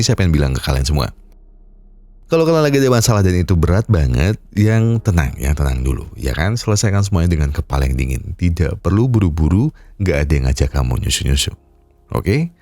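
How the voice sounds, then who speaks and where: A man narrating a film recap and chatting to viewers, his voice nasal and congested from a cold, folksy and gently advising. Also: deep voice, no room sound. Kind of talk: scripted film recap narration and casual outro.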